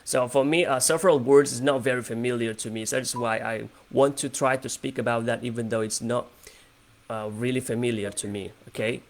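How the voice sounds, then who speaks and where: Speaking fairly quickly with fairly even intonation, a man with an Indonesian accent and a mid-range voice hosts an easygoing English conversation practice on video call. He is hesitant, using many fillers and restarts.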